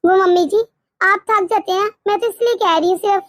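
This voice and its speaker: A gentle young daughter-in-law and new mother in a cartoon story, voiced by a woman. She speaks politely and softly in a very high voice. The sound is dry and close. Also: steady tone, fairly quick, no echo. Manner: polite, soft-spoken. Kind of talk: cartoon voice acting.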